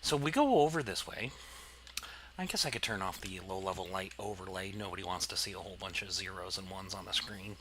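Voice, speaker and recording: A man's voice: deep voice, fairly quick, noisy background. A man casually commenting on his gameplay, rambling and explaining as he goes, with plenty of fillers. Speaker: let's play host.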